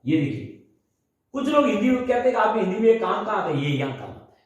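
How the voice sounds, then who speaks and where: A man's voice: high-pitched, big pitch swings, fast talker. A male teacher lectures on grammar in a strongly reverberant room, his voice bouncing off the walls. He recites letter lists one by one, stretches words to stress how they are pronounced, and keeps firing questions back at his students for them to answer. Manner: drills students with call-and-response questions. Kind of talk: classroom lecture. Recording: very echoey room.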